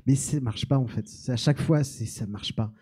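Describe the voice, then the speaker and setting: A man's voice: mid-range voice, normal speed, dark tone, husky. A man answering audience questions on stage, rambling and self-mocking with many restarts. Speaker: youtuber guest. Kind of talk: live Q&A on stage. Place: small cinema-café venue with audience.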